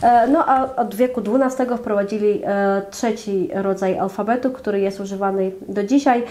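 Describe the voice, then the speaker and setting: A woman's voice: medium pitch, steady tone, moderate pace, warm tone, slight background noise. A young woman from Georgia with a Georgian accent, a guest explaining her native language, speaking thoughtfully with many fillers. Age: young adult. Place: small indoor room, flag backdrop.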